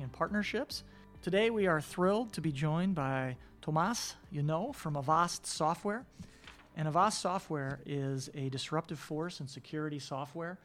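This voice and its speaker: A man hosting a podcast interview. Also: fairly high pitch. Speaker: podcast host, sales and marketing executive.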